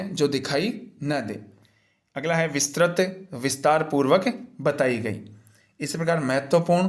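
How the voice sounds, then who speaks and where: Man, teacher, slightly high voice, patient, repetitive, step-by-step worksheet lesson.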